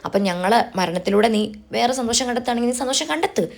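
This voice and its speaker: A woman's voice: on the high side, lively intonation, very fast, vocal fry. A woman voicing a domineering middle-aged mother who scolds and pressures her daughter, in a retold TV serial. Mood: angry, scolding.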